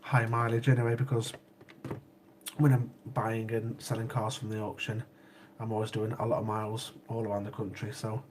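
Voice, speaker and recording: Hosting a relaxed livestream, this man chats with his live chat viewers despite a sniffly cold. His voice sits fairly low, with little pitch movement, a darkish tone, and a moderate pace, and there's slight background noise. He laughs readily and repeats himself a lot.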